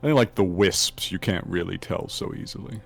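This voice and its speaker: A man's voice: deep voice, fairly quick, vocal fry. A man chatting casually at a game table as a player describing his moves.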